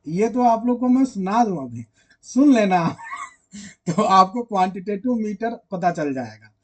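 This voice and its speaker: A man's voice: high voice, lively intonation, measured pace. A man teaching literature in a casual online lecture, chatting directly with his students and drawing out words when he sings an example.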